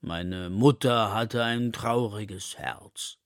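A big, gentle elephant, as a man puts him on for a storybook, talking slowly and full of longing. The voice is a little gravelly and close, in a dry room. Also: fairly low pitch, dry recording. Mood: wistful. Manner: slow, longing, soft-spoken. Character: gentle, wistful male elephant, big and slow.

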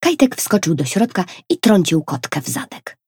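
A woman reading a children's story aloud in an expressive, gentle way. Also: on the low side, moderate pace, husky, no echo.

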